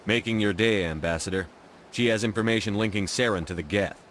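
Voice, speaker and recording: An actor playing a calm, direct human military commander in a video game. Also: male voice, on the low side, a little fast, slight background noise, close to an everyday voice. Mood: steady.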